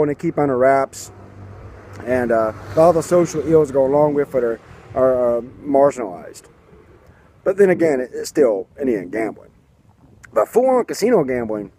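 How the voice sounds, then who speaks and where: Holding a camera at arm's length outdoors beside a garden and a building, a man in his thirties offers sarcastic political commentary. His medium-pitched voice has a darkish tone, and he mocks his targets, putting on silly voices when quoting them.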